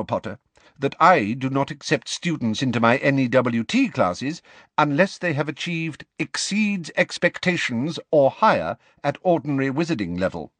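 Audiobook role: male reader as strict older female professor, raised pitch, swooping emphasis, clipped, haughty, icily curt. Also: a bit bright, dry recording. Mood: brisk, stern. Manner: clipped, curt, through gritted teeth when provoked. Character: stern, crisp, older woman professor, dry and haughty.

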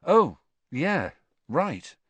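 A man's voice: on the high side, sing-song, extremely slow, husky, no echo, voice pushed up, heavily acted. A man voicing a determined teenage boy wizard who speaks bluntly and urgently.

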